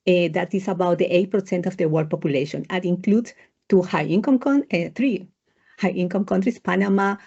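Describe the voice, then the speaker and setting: A woman with a Colombian Spanish accent presents research in a webinar, measured and hesitant, with frequent fillers. Her voice is mellow and warm. It comes over a slightly dull video call line. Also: on the low side, vocal fry, breathy edge.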